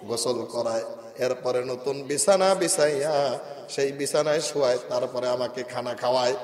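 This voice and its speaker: A frail old blind woman speaks softly and low, pleading and tender, as a man puts her on. Her small voice sits in a long, booming reverb. It sounds like an open-air religious gathering heard over loudspeakers. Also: moderate pace, lightly acted.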